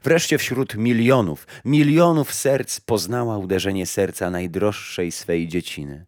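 A man narrating a fairy tale aloud in a slow, solemn storytelling manner. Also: lowish voice, darkish tone, no room sound, studio quality.

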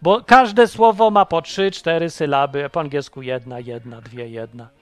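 A man with a high voice rants sarcastically on a livestream and mocks whatever comes up. His voice sits close and dry on the mic. Faint music plays underneath. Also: normal speed, clear, resonant tone, no echo. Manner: sarcastic, mocking, acts out voices. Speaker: livestream host taking calls. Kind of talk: casual ranting chat.

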